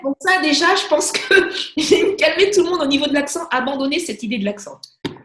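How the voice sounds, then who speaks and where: A woman's voice: sits high, brisk. A woman guest coach talking casually and with energy, often restarting her phrases with fillers. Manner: animated, many restarts and fillers. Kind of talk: casual interview talk. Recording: echoey room.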